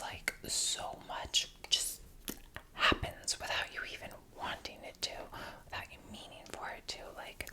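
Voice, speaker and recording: A woman whispering an informal, rambling ASMR chat close to the microphone, with halting asides. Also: low-quality recording. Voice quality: soft unvoiced whisper. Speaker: ASMR video creator. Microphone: close external microphone plugged into phone.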